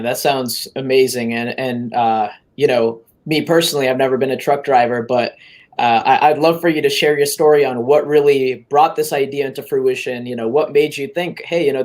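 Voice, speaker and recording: Man, podcast host, casual interviewer, halting delivery, middle pitch. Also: darkish tone. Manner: casual, halting with fillers and restarts.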